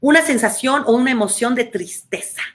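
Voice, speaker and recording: A middle-aged woman with a Mexican accent talks through emotions in a conversational, teaching way. Her voice sits fairly high, and she keeps restarting phrases as she goes. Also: a little fast. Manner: animated, acts out quoted voices, frequent restarts. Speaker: speaker on emotions. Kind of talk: conversational educational talk.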